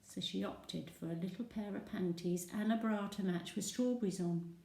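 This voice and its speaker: A woman's voice: mid-range voice, moderate pace, vocal fry, a little mellow. A woman, telling a chatty first-person comic monologue with sung and whispered asides. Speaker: storyteller. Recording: roomy echo, voice from a distance.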